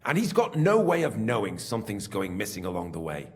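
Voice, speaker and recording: An actor playing a scheming middle-aged smelting works master in a video game, smug and evasive as he confesses his part in a silver racket. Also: fairly quick. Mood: resigned. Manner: smug and evasive, lively pitch. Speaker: game character.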